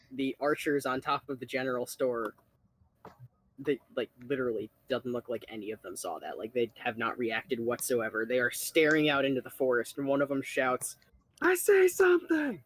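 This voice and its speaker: A man's voice: medium pitch, steady tone, brisk, low-quality recording. A man running a tabletop game as game master, narrating in a laid-back, offhand way.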